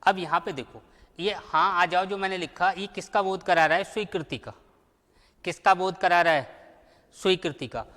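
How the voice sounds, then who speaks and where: A man teaching a grammar lesson, who asks questions and answers them himself and slowly repeats the key words. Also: high-pitched, a bit bright, long reverb tail.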